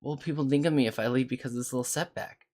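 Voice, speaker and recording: A man's voice: medium pitch, fairly even intonation, racing, a little mellow, lightly acted. A man reading aloud the lines of a short-tempered young female technical consultant, snappish and complaining. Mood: grumpy. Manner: snappish, complaining, then apologetic. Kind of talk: reading game dialogue aloud.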